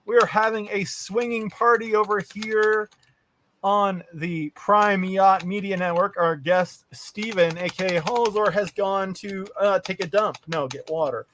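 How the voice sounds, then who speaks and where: Male streamer, high voice, casual crude banter, light typing noise behind. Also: unhurried, a bit bright. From Quebec. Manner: crude, joking, bilingual banter. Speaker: stream host. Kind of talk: casual live-stream chat.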